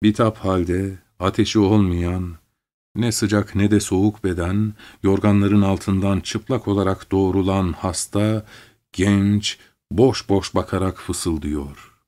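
A man narrating a literary story in the first person, reading at a measured pace. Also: low-pitched, a little mellow.

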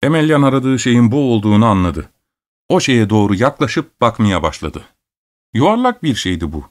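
Male storyteller, mid-pitched voice, calm measured scripted narration of a folk tale.

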